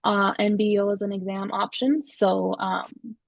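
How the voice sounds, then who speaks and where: On a video call, a young Canadian woman who works as an optometrist and sits on an exam board answers students' questions, friendly and informal, with laughs and fillers. Her mid-range voice carries vocal fry, holds a steady tone at a moderate pace, and the recording is dry.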